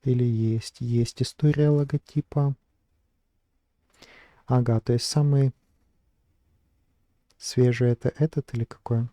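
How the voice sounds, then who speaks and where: Guy slowly talking through his screen, lots of ums, dark dry voice. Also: mid-range voice, steady tone, no room sound. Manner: hesitant, thinking aloud with many fillers. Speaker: vlogger. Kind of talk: casual screen-recording narration.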